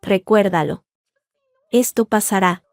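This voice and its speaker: A man's voice: high voice, takes it slowly, dry recording, clean studio sound. A woman voicing a manipulative husband who pleads in a honeyed tone in a read-aloud story. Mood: pleading. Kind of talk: scripted narration.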